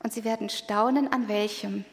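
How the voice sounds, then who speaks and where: A woman presenting in a church service, addressing the congregation in a calm, earnest, explaining way. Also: medium pitch, moderate pace. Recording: long reverb of a hall.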